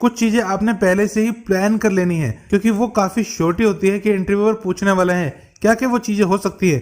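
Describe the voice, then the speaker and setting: A man with a notably high voice leads a lesson in an even, explanatory tone. He talks straight to his viewers as friends, walking them step by step through practical advice. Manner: addresses viewers as friends, steady instructive delivery. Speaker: English tutor.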